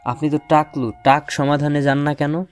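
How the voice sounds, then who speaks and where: Soft music plays behind a young man narrating a first-person audio romance in a playful, teasing way; he is both narrator and lead voice actor. He speaks at a moderate pace in a slightly high, level voice.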